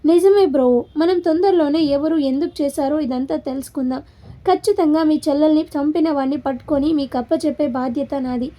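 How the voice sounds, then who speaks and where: A woman's voice: high voice, a little fast, warm tone, close to an everyday voice. Storybook young man, hot-tempered but remorseful, read by a woman. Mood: resolute. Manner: heated, then apologetic. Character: angry, hurt young man, a lover.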